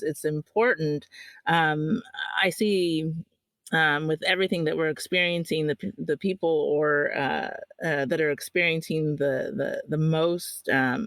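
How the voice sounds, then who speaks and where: A podcast host in their thirties with a middle-pitched voice, recorded in a dry, close setting with no room sound. They talk hesitantly in casual conversation, full of fillers and restarts, and laugh easily. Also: fairly bright tone, no room sound.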